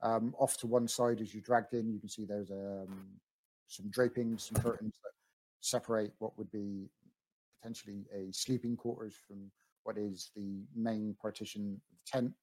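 A man's voice: fairly low pitch, level tone, normal speed, darkish tone, poor audio. A man narrating as game master of a tabletop game, with frequent ums and restarts. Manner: hesitant, many ums and restarts.

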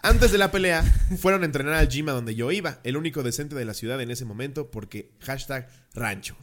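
A man's voice: medium pitch, brisk, fairly bright tone. A man with a Mexican Spanish accent co-hosting a podcast, joking crudely with heavy slang while reading listener stories. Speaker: podcast co-host.

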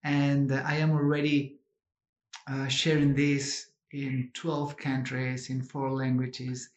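A man from Argentina with an Argentine Spanish accent, a native Spanish speaker, giving an informal personal conference talk in halting, simply phrased English. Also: mid-range voice, completely flat delivery, echoey room.

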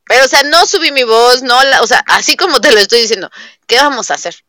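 A woman's voice: high voice, quick pace, no echo. A young woman with a Mexican accent, a teacher, talking casually in an interview and acting out the dialogue in her stories. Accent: Mexican Spanish. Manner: animated storyteller, acts out quoted dialogue. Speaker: guest, early childhood teacher.

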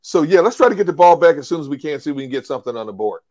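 A man on a casual sports talk show, explaining plays in a measured, coach-like way. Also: on the high side, sing-song, darkish tone.

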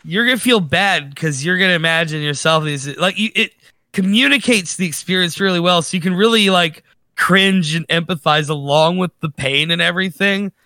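Man, bright tense voice, dry room, casual podcast chat, rambling. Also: high voice, normal speed, dry recording. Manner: animated, rambling with restarts. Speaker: podcast co-host.

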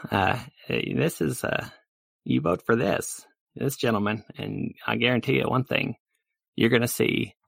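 Brief: man voicing a brash male politician, raised gravelly voice, crude rambling stump speech. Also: no room sound, heavily acted. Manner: rambling, crude campaign pitch. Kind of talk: improv comedy.

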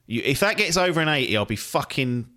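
A man's voice: medium pitch, very animated, fast talker, bright, forceful tone. A man hosting a podcast in casual chat, rambling and chatty and swearing freely. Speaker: podcast host.

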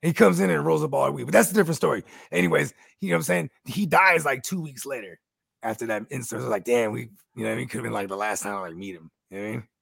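Rambling co-host, thirties man, husky and gravelly, quick chatter. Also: mid-range voice, fairly bright tone, no room sound, clean studio sound. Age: 30s. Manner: rambling storyteller, fillers like "you know what I mean". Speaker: podcast co-host. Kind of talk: casual chat.

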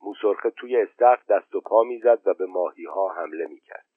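A man narrating an audiobook in a measured, steady storytelling manner, on a tinny, narrow-band recording. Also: low-pitched, dry recording.

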